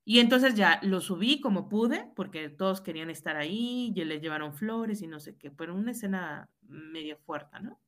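A woman's voice: on the low side, lively intonation, moderate pace, few pauses, fairly bright tone. A woman teacher with a Mexican accent, earnestly recounting a personal story in conversation and often ending with a questioning "right?". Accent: Mexican Spanish. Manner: earnest, frequent tag questions, reenacts dialogue. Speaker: high school teacher.

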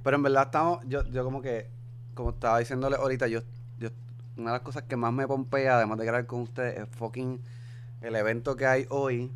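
A man with a Puerto Rican accent co-hosting a podcast, talking excitedly in casual chat and swearing freely. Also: mid-range voice, quick pace, slight background noise. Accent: Puerto Rican Spanish. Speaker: podcast co-host.

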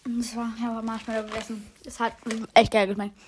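A young woman with a very high voice chats casually in a challenge video. She is dramatic and repeats herself when excited, over faint background noise. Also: a little fast.

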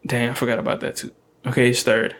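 Casting note: mid-pitched male co-host, blunt and foul-mouthed, casual podcast banter. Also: completely flat delivery, quick pace, a bit bright. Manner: blunt, profane, dismissive opinions. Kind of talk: casual chat.

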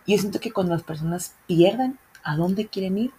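A young woman from northern Mexico, speaking with that region's accent, hosts a casual solo podcast full of chatter, slang and free swearing. Her voice is medium-pitched, brisk and warm, with slight background noise.

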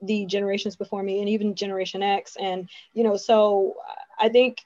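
A young woman hosts a relaxed interview, chatty and enthusiastic, full of fillers. Her voice sits at a middle pitch. The recording is dry and a little dull. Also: fairly quick, no echo. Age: young adult. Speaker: interview host. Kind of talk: casual interview conversation.

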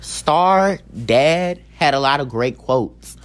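A man's voice: a little high, animated, takes it slowly. A man giving a casual spoken book report, talking in an informal, rambling way and correcting himself as he goes.

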